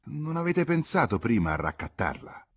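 A man voicing an impatient young master asking curt, sharp questions in a storybook reading, with a husky voice. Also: on the high side, sing-song, normal speed, voice pushed up.

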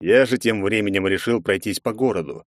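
A man narrating a fantasy audiobook in the first person, measured and reflective. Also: on the low side, no room sound, studio quality.

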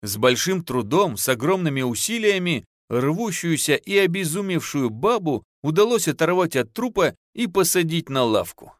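A man giving dramatic, expressive scripted narration of a story on a close mic. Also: on the high side, normal speed, few pauses, no room sound. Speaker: audiobook narrator.

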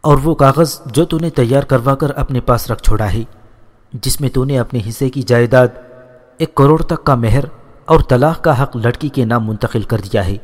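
A stern, hot-tempered old landlord barking insults and orders at his son, as a male narrator puts him on. The voice sits at an ordinary middle pitch for a man. It trails off into a long, ringing reverb. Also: lightly acted. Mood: angry scolding. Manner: scolding, insulting, commanding.

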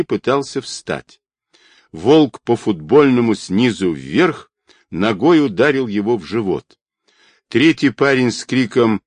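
A man narrating an adventure story as an audiobook in an expressive, dramatic reading. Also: lowish voice, dry recording. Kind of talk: scripted narration.

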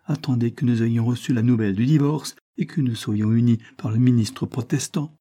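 A man's voice: mid-range voice, moderate pace, dark tone, close to an everyday voice. A man reading aloud, voicing a desperate young noblewoman who begs her lover not to leave. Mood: imploring. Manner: impassioned, imploring.

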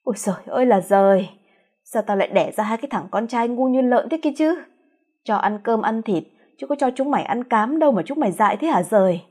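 Woman doing a nasty old mother-in-law in a storybook, yelling, husky voice. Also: on the high side, lively intonation, a little fast. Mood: furious. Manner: screeching, scolding. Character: shrill spiteful older mother-in-law.

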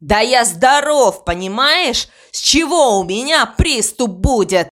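A woman's voice: on the high side, expressive, slow, fairly bright tone. A woman reading an audiobook voices a grumpy, stubborn middle-aged man who grumbles and argues. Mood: irritated. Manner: grumbling, quarrelsome.

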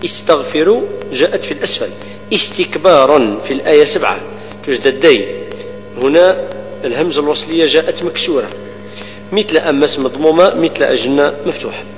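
A man teaches the rules of Quran recitation, explaining each rule and then reciting example words slowly and repeating them. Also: a little high, faint music behind. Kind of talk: tajweed lesson with recited examples. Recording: dull lo-fi recording with long reverb and hum.

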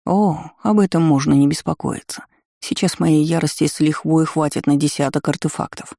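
A fierce, determined young woman mage, as a man reads her in an audiobook. Her lines come in a resolute, gravelly voice pitched a little high, mellow in tone. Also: normal speed, dry recording, studio quality.

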